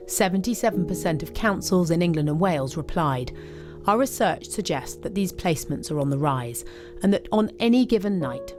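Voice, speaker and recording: A woman news reporter gives a measured, serious scripted narration. Her voice sits a little low. A clear music bed plays under her words.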